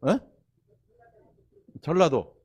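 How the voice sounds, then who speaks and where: A man's voice: drawn-out words, darkish tone. A male pastor delivers a sermon in a folksy, playful way. He keeps stopping to quiz and tease the people in the pews. He sounds middle-aged. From Honam region of Korea. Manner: folksy, teasing the congregation with asides and questions.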